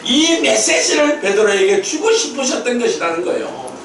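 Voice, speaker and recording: A man pastor delivering a Sunday sermon, emphatic, asking rhetorical questions and rising to shouted peaks, recorded in a church sanctuary. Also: extremely high pitch, very animated, moderate pace, vocal fry, a little hiss or hum. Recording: very echoey hall, mic at a distance.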